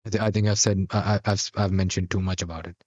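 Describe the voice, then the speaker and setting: A man's voice: deep voice, steady tone, fast talker, darkish tone, muffled recording. A man co-hosting a podcast, recapping a TV episode in a rambling, casual chat full of fillers and restarts. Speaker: podcast co-host.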